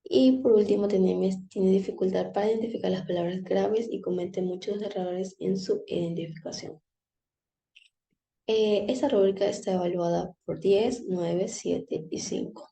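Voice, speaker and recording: A woman's voice: mid-range voice, fairly even intonation, a little slow, vocal fry, mellow, echoey room. A woman, a teacher, explaining a grading rubric in a hesitant way, with fillers. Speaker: teacher presenting a lesson plan.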